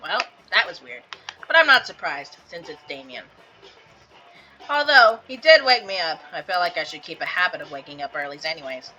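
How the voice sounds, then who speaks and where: A woman's voice: fairly low pitch, expressive, normal speed, sharp tone, soft background music, voice pushed down, poor audio. A woman voicing a sleepy, dry young man in a game, grumbling about an early wake-up call. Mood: drowsy.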